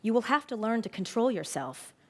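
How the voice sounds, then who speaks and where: A woman reading as a gentle farmer father. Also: on the high side, lightly acted. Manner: measured and gentle.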